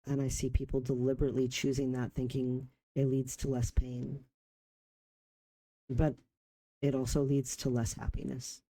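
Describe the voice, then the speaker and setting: A vlogger around forty reflects in short phrases with pauses between them, his intonation staying fairly level. The voice is mid-range, very mellow and dark with heavy fry, and the audio is poor.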